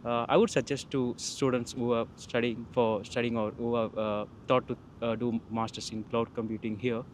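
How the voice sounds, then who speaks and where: A man's voice: medium pitch, level tone, moderate pace, slight background noise. A young man from South India with an Indian English accent, speaking hesitantly with many fillers about his studies, outdoors in a park. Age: 20s. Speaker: student. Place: open park lawn outdoors.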